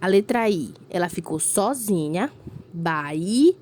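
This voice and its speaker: Lively woman teaching a class. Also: medium pitch, measured pace, a little hiss or hum. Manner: patient, explains step by step with frequent check-ins. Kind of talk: recorded remote school lesson.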